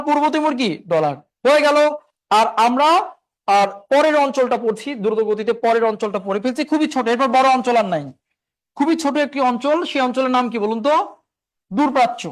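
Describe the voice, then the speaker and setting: A man's voice: extremely high pitch, fairly quick. A male exam-prep teacher, lecturing and drilling the class by asking questions and answering them himself.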